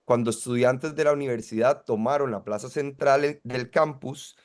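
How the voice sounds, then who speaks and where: A man, a student activist answering interview questions in a measured, articulate way. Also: medium pitch. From Costa Rica. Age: 20s. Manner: articulate, measured, argues point by point.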